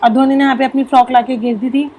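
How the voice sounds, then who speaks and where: A young woman narrates her family vlog in a high, light voice. She talks in a chatty, homely way, padding her sentences with fillers. Her throat is still a little sore from a recent illness. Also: fairly even intonation, fast talker, warm tone. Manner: chatty, homely, full of fillers like "theek hai". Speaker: vlogger, mother of two.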